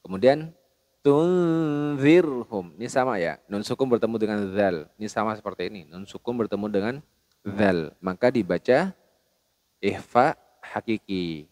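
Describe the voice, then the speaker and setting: A man teaching Quran recitation rules, explaining plainly and then chanting each verse slowly and melodically. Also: lowish voice, no room sound. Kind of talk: tajwid lesson with chanted recitation.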